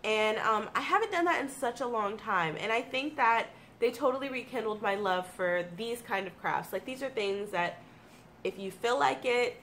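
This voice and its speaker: Animated and a bit bright, her voice on the high side, an American vlogger and streamer in her thirties chats at a moderate pace through her favorites. Allergies leave her congested and slightly froggy, yet she stays informal, enthusiastic and self-deprecating. She films in a small home room with a computer desk, with clear background room noise.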